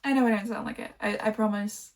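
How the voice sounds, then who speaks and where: A woman from Liverpool chatting casually about books she collected, rambling and filling pauses with "um" and "like". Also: mid-range voice, fairly even intonation. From Liverpool, England. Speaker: book vlogger.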